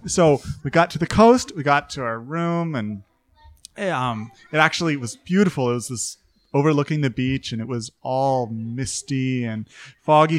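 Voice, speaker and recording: A man co-hosting a casual podcast, telling stories in a relaxed way. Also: medium pitch, no room sound. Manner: relaxed storyteller. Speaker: podcast co-host. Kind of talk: casual chat.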